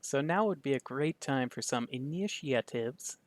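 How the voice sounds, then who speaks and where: A man running a tabletop game as game master, relaxed and thinking aloud. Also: medium pitch, normal speed, noisy background.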